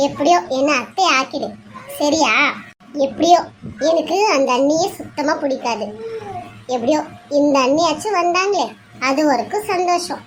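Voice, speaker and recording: A woman's voice: sits high, a little hiss or hum. A woman voicing a catty, spoiled young sister. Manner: catty, sulky. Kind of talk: cartoon serial voice acting.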